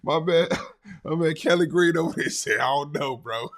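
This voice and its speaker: A man hosting a live sports talk stream, reading viewer comments in an animated way and often asking "right?". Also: on the high side, normal speed.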